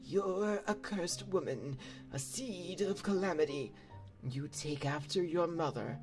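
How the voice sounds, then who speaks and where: A woman voicing an ominous old cow-headed woman monster in a slow, weak voice, as whispered role-play. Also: lowish voice, a little mellow, soft background music. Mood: accusing.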